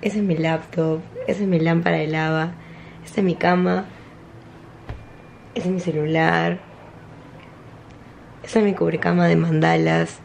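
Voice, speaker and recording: A woman's voice: on the low side, steady tone, a little slow, vocal fry, pauses often. A young woman chatting casually in an offhand, teasing way for a vlog in a small apartment. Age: young adult. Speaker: vlogger. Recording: echoey room with loud background noise.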